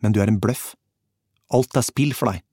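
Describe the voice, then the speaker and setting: Bitter, blunt young soldier in an audiobook, cursing and accusing, read by a man; low, dry voice. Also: darkish tone, husky, no echo. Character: embittered young male soldier, shivering. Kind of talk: audiobook character voice.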